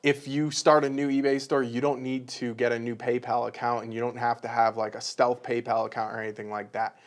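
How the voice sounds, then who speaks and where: Man, mid-pitch voice, live-stream host, easygoing, explaining, laughs often. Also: flat delivery, a little fast. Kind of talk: casual live-stream chat, reading out viewer comments.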